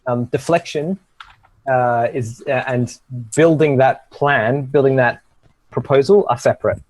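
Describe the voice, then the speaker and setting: Casting: male game master, mid pitch, dry sound, halting but encouraging, casual explanations. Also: a little mellow, no room sound. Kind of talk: casual rules guidance and prompting.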